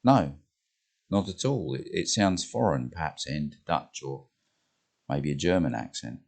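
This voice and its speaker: A man's voice: rumbling low, animated, unhurried, a little mellow, heavily acted. A man reading the part of an anxious woman who hears an inner voice, speaking earnestly and hesitantly.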